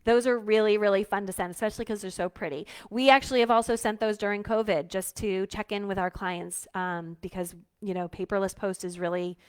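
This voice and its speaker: A woman's voice: mid-range voice, fairly even intonation, a little fast, few pauses, clear, resonant tone. A woman hosting a live-streamed coaching talk for business owners, chatty and heartfelt, with many fillers. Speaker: host.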